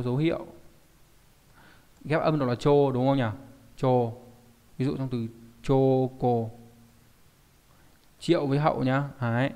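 A man's voice: mid-range voice, darkish tone, long reverb tail. A man teaching a recorded online kanji lesson, explaining step by step and often asking rhetorical check-in questions. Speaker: Japanese teacher.

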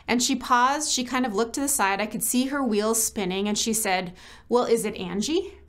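A woman on a church's ministry staff gives a short devotional message at a moderate pace in a fairly high voice. She gently tells a personal story and reflects on scripture.

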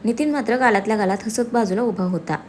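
A woman's voice: quick pace, darkish tone. A woman reading a serialized story aloud as narrator, lifting her delivery for the characters' lines. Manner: voices characters' quoted lines with raised pitch and emphasis. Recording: faint background noise.

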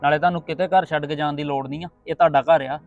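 A man's voice: fairly high pitch, fairly even intonation, fast talker, muffled recording, faint music behind, lightly acted. A man playing a young husband caught between his wife and his mother. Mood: earnest. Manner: earnest, pleading. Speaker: husband and son. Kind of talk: family skit acting.

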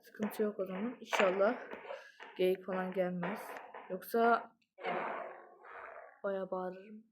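Woman gamer doing lets-play commentary, slow and drawn out, mutters then yells, noisy recording. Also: medium pitch, steady tone. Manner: jumpy, swings from muttering to panicked yelling; playful sing-song chanting. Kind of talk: let's-play gameplay commentary.

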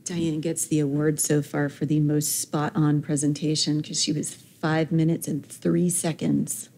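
A woman moderating a conference session, briskly introducing the next speaker. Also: low-pitched, little pitch movement, dark tone. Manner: brisk, asides in a whisper.

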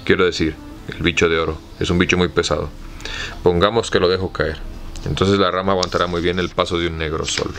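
A man with a Mexican accent reading the part of a simple, fearful male servant in an audiobook, in a slow, plain way. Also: sits low, little pitch movement, fairly bright tone. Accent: Mexican Spanish.

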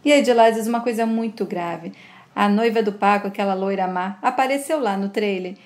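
A woman's voice: mid-range voice, a little fast. A Brazilian woman with a Brazilian Portuguese accent, casually retelling a soap opera episode and acting out the characters' lines with feeling. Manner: animated, voices characters' lines with emotion. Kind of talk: casual storytelling recap with acted quotes.

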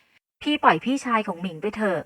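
Woman reading a blunt young sister, straight talker, bright tone. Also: medium pitch, expressive, brisk, slightly rough, no echo. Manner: blunt, direct.

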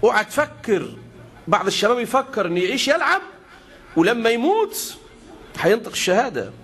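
A man's voice: big pitch swings, brisk, a bit bright, slightly rough. A man with an Egyptian Arabic accent preaching a sermon, telling stories and voicing each speaker's questions and answers. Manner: acts out dialogue, rising high for questions and dropping low for replies. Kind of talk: sermon storytelling.

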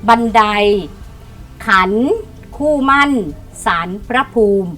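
Thai primary teacher reading words aloud. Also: female voice, fairly high pitch, expressive, soft background music. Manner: warm coaxing teacher talk, reads words aloud slowly for pupils to repeat. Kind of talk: online lesson for young pupils.

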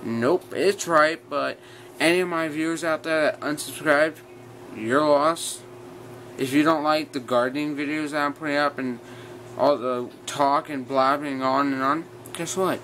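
A teen or young adult man with a higher-than-average voice talks a little slowly, casually ranting to his vlog viewers in a blunt, rambling way; a retainer slightly slurs his words. He sits on the bed in a small bedroom, recorded on a built-in device mic at arm's length. The low-quality audio carries a clear, steady fan noise and bedroom ambience.

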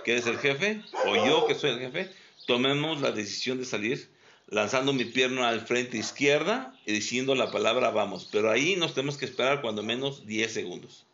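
A man teaching dog training outdoors, calmly demonstrating and repeating commands. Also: mid-range voice, normal speed. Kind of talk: hands-on training instruction. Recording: dull recording with loud background noise and barking dogs.

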